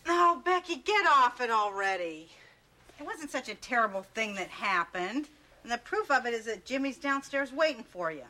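A woman's voice: a little high, expressive, normal speed, sharp tone. A middle-aged woman with an American accent playing a wisecracking, blunt but reassuring working-class mother in a sitcom, with a sarcastic, folksy manner. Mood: reassuring, wry. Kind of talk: television sitcom acting. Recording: noisy television sitcom soundtrack.

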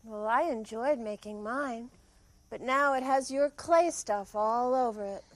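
A woman playing an earnest, patient, polite young lady in children's television make-believe, gently pleading. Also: fairly high pitch, a little slow, dry recording, lightly acted. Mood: reproachful.

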